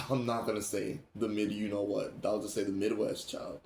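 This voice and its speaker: A man hosting a casual chat, telling stories in an animated way, laughing and acting out what others said. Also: fairly low pitch, moderate pace, a little hiss or hum. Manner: animated, laughing, acts out quoted speech. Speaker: streamer and host. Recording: roomy echo.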